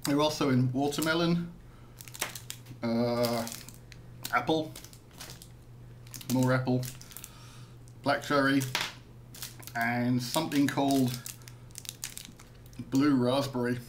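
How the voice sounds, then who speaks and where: A British man eats sour candy in a casual taste-test vlog, talking to viewers through winces and groans with the candy still in his mouth. His voice is mid-range and steady, and he takes it slowly with long pauses. A little hiss or hum runs through the recording.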